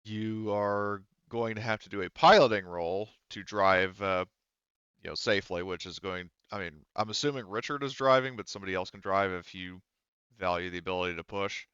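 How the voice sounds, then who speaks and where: Running a tabletop roleplaying game as game master, a man talks casually and often pauses mid-sentence. His deep voice is fairly bright, clear and resonant, with no echo, though the audio is slightly dull.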